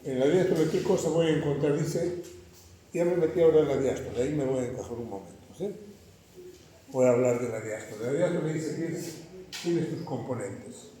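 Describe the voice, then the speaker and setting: A man's voice: medium pitch, fairly quick, mellow. A man lecturing a class, questioning his students rhetorically and checking in with frequent "right?" tags. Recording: echoey classroom recorded from far off.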